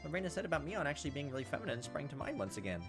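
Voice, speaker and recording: Reading a visual novel for a let's play, this man talks very fast in a slightly high voice with vocal fry, over music. He breaks up the narration with lively, wry, casual jokes.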